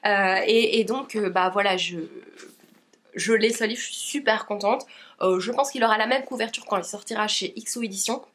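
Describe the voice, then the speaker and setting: A woman's voice: mid-range voice, normal speed, a bit bright. A young woman from Belgium, chatting casually about her reading pile with many hesitations. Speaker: book YouTuber. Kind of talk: casual book haul chat.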